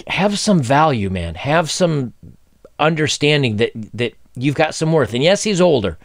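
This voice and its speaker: A man's voice: a little high, very animated, a little slow, dry recording, clean studio sound. A man in his forties giving blunt, opinionated commentary while reading a news story aloud, with mocking asides. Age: 40s.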